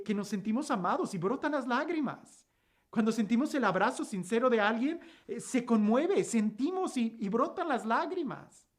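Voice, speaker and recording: A man, a priest, giving a gospel reflection, swinging between emphatic lines and hushed ones, asking question after question. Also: high-pitched.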